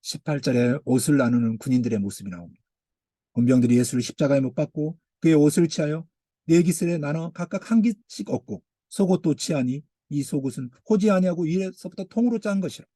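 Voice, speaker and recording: A man preaching a sermon as pastor, swinging from loud pleading to hushed, near-whispered lines. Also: fairly high pitch, brisk, dry recording, clean studio sound. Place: church.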